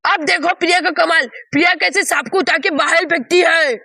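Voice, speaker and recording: A woman voicing a cheeky, boastful schoolgirl in a doll story, scheming and excitable. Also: extremely high pitch, fairly quick, creaky, no room sound, studio quality, full character voice. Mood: bragging. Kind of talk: doll story play-acting.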